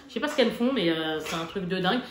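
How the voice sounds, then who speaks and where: A woman's voice: fairly low pitch, animated, racing, crowd noise. Chatty mother in an echoey room. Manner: chatty, chummy, lots of fillers. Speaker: vlogger, mother. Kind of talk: casual haul vlog chat. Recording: echoey room with background noise.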